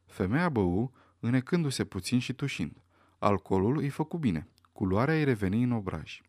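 A man reads a mystery novel aloud as scripted audiobook narration, delivering it in an expressive, dramatic way. His voice is mid-range, and the clean studio sound has no room echo.

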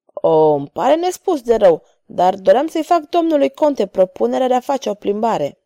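A woman's voice: a little high, sing-song, dark tone, dry recording. A woman voicing a bold, mocking male cavalier swordsman who speaks with courtly irony. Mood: ironic. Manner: ironic, courtly and taunting.

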